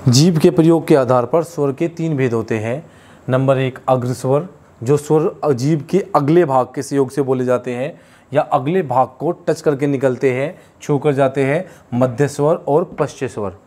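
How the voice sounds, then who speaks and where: A man's voice: mid-range voice, moderate pace, mellow. A man teaching a lesson, explaining step by step, repeating key terms and correcting himself along the way. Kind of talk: classroom lesson.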